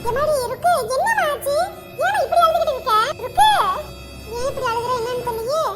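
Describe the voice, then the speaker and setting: A woman doing a fretful, doting mother who keeps coaxing her upset daughter with pet names. The voice is very high and quick. It echoes in a room with a long reverb. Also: lively intonation, fairly bright tone, soft background music. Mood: worried. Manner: coaxing, repeats "emmadi". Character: anxious doting mother fussing over her crying daughter.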